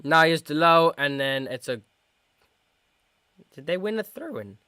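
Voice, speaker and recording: A man hosting a live football watchalong, who jumps from shouted play-by-play to low mumbled asides. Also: expressive, a little slow, clear, resonant tone, no echo, clean studio sound. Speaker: host of a football watchalong stream.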